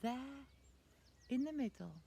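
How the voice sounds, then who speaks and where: A woman telling a children's story, lively and asking the little ones questions. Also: high voice, takes it slowly, vocal fry, slight background noise.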